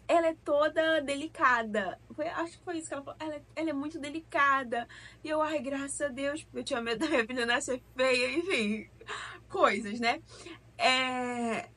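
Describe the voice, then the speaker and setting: A woman's voice: high voice, bright, forceful tone. A young woman from Brazil telling a personal story to her viewers in a chatty, emotional way. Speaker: vlogger.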